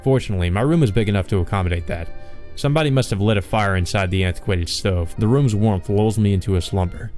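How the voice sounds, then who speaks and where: A man's voice: lowish voice, quick pace, darkish tone, faint music behind. A man reading a visual novel aloud as a let's play host, with informal, rambling commentary. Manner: informal, sweary, rambling asides.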